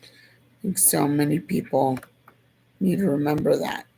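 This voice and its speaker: Someone who is going hoarse and losing their voice offers a casual civics explanation, slow and reflective, looping back over the same points. The pitch is medium, the tone dark, and the recording is of low quality.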